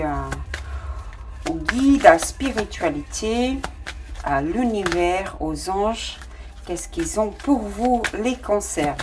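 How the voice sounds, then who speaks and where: A woman's voice: mid-range voice, background noise. A middle-aged woman with a non-native French accent giving a casual tarot reading, hesitant with many fillers and delighted exclamations at the cards. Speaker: tarot reader.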